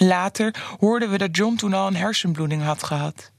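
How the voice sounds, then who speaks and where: A narrator reading the lines of a gentle older woman who speaks softly. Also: medium pitch, moderate pace, gravelly, dry recording, clean studio sound, natural voice. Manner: spoken softly, read plainly. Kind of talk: storybook reading.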